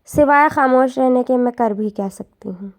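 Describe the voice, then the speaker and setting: A woman reading the lines of a meek, mistreated young wife, speaking quietly and with resignation in a storytelling narration. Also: high-pitched. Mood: resigned. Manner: quiet, resigned, soft-spoken.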